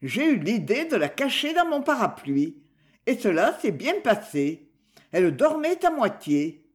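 An elderly murderess recounts her crimes in a cold, matter-of-fact voice, as the book's reader puts her on. The telling is slow and deliberate, yet the pitch rises and falls freely. It is an audiobook crime story. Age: older. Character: old woman killer confessing calmly.

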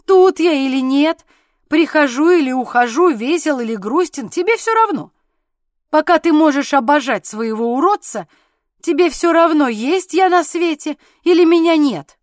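A woman's voice: high-pitched, normal speed, no room sound, studio quality, close to an everyday voice. A woman voicing a jealous, sulky young husband. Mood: angry complaining. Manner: loud, sulky and exasperated. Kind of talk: audiobook character voicing.

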